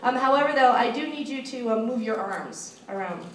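A woman's voice: fairly high pitch, animated, a little fast. A woman ventriloquist doing comic stage patter with an audience volunteer. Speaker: ventriloquist comedian. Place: small theater stage, indoors. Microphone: handheld mic, filmed from audience seats. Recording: distant echoey recording, loud audience noise.

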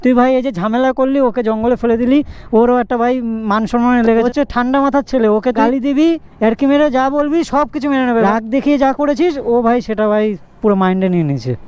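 A man from West Bengal narrating his motorcycle ride to viewers in an excitable, chatty way, calling everyone "bhai" again and again. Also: very high-pitched, fairly quick, smooth, no echo. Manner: excitable, says "bhai" constantly, talks to viewers. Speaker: motovlogger. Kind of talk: casual vlog commentary while riding. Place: on a motorcycle on city roads, outdoors. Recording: road and traffic noise.

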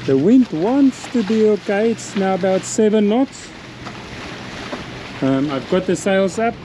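A man's voice: sits high, lively intonation, unhurried, poor audio. A man in his fifties, a solo sailor, explaining things casually with restarts and chuckles, filming himself with a hand-held camera on a sailing catamaran at sea. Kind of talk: casual vlog. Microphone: camera held at arm's length. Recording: loud wind and boat noise. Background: wind, water and engine noise.

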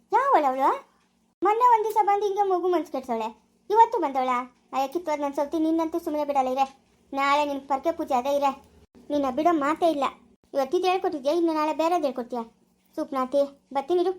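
A woman with a rural Chikkaballapura Kannada accent, acting a sharp-tongued, scheming village mother in a family skit, scolding and accusing. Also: high voice, fast talker, close to an everyday voice. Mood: angry scolding.

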